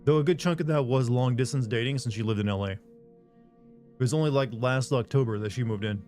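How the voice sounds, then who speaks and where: This regular-guy game streamer has a medium-pitched, slightly mellow voice and a brisk delivery. Reading viewer messages in a casual live chat, he rambles along with jokes at his own expense, a faint music bed in the background.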